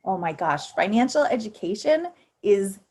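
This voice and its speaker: A woman's voice: mid-range voice, big pitch swings, normal speed, a little mellow, husky. Upbeat woman in her thirties presenting. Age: 30s. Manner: upbeat, encouraging, many ums. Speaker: financial literacy presenter. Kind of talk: online workshop presentation.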